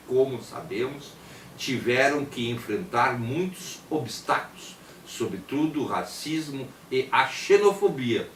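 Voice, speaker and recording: A man's voice: fairly high pitch, fairly bright tone. A Brazilian man reading a prepared text aloud in a formal manner, stumbling at times and voicing punctuation as if dictating. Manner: formal, stumbles and rereads words; voices quotation marks aloud like dictation. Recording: echoey, distant mic, faint background noise.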